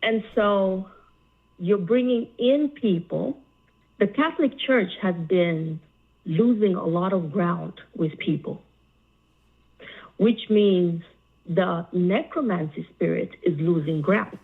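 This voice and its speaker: A woman from Zambia calling in to a talk show, speaking earnestly with many pauses and fillers. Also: fairly low pitch, creaky. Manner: slow, earnest, halting with fillers. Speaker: caller. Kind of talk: call-in talk. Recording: phone line.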